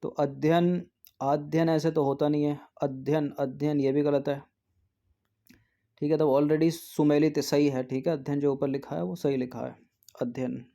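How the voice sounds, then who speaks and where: A man teaching an exam-prep lesson who goes through answer options aloud and repeats each word slowly. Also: fairly high pitch, level tone, creaky, dark tone. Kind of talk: explanatory lesson on spelling.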